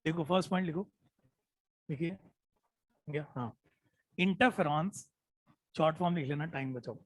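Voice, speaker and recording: A man teaching biology in an online class, mixing Hindi with English terms, dictating notes slowly and repeating each phrase, often checking in with "hai na?". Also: on the high side, no echo. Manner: mixes Hindi with English terms, calls students "beta".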